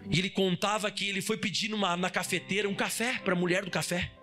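A man preaching a sermon as pastor, animated, firing rhetorical questions at the congregation and shouting for emphasis. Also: high-pitched, quick pace, soft background music. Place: church service hall.

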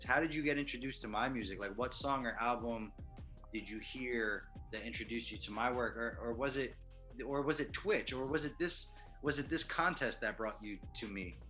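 Young male host on a video call, bright and forceful voice, upbeat and direct, faint music behind. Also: mid-range voice, moderate pace. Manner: upbeat, direct questions, slangy. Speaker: host interviewing a collaborator. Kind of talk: casual interview on a video call.

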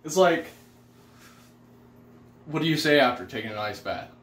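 A man's voice: a little high, lively intonation, normal speed, fairly bright tone. A man in his twenties chatting casually and jokingly as a vlogger to a phone camera. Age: 20s. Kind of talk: casual, joking vlog chat. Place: small bathroom, indoors. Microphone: phone held by another person nearby. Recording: echoey bathroom, faint noise.

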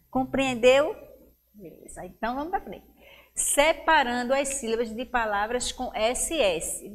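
A woman teacher with a Brazilian Portuguese accent speaks at an unhurried pace in a slightly high voice. She stretches out each word slowly and clearly as she sounds out syllables for young children in a televised lesson. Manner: slow, clear, drawn-out syllables when sounding out words. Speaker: primary school teacher.

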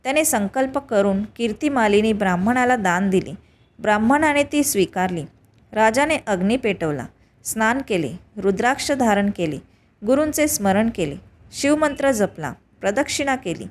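A woman with a somewhat high voice narrates a devotional tale from a script. She reads steadily, pausing between short phrases. Her delivery stays even and measured throughout. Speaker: storyteller.

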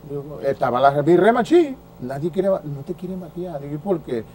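A Dominican man in his sixties, a former baseball pitcher, telling stories in an interview and acting out the dialogue he quotes. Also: fairly quick, a crowd in the background. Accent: Dominican Spanish. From Dominican Republic. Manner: lively storyteller who acts out quoted dialogue, with frequent restarts. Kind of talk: anecdotal storytelling in an interview.

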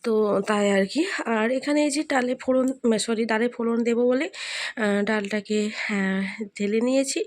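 A young woman with a sore, hoarse throat, chatting casually through her cooking voice-over. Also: fairly high pitch, a little mellow, no room sound. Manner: rambling, homely, talks to viewers as friends. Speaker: cooking vlogger.

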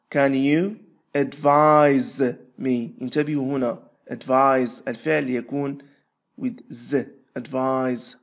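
An English teacher with a somewhat high voice leads a drill, repeating phrases slowly and stretching them apart word by word. Between drills, he rushes through quick explanations. The mic setup is voice-over.

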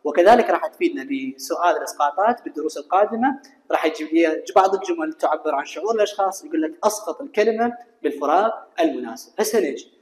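A man with an Iraqi Arabic accent teaching English to students, reading phrases slowly and translating each one. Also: on the high side, animated. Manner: explains slowly, reads English phrases then translates them. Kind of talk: recorded classroom lesson. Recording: echoey room with long reverb.

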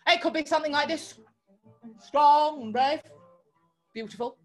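A young woman hosts a children's show from home, clowning in a theatrical, mock-dramatic way. Her voice sits high and bright. Faint music plays quietly behind her. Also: measured pace. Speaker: children's entertainer host. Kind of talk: playful kids' show presenting.

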